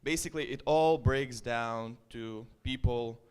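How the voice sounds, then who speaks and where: On a conference stage, a man with an Estonian accent presents his startup to a live crowd in a loose, jokey style full of ums and uhs. His smooth, mid-range voice moves a little slowly.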